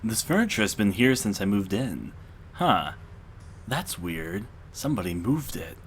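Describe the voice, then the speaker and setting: A man's voice: lowish voice, very animated, measured pace, vocal fry, slight background noise. A man giving laid-back, jokey commentary while playing a horror game. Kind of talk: casual gameplay commentary.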